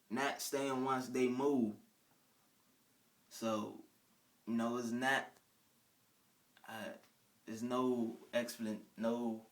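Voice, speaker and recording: A young man casually telling a rambling first-person account in a vlog, with restarts and trailing off. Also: medium pitch. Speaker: vlogger.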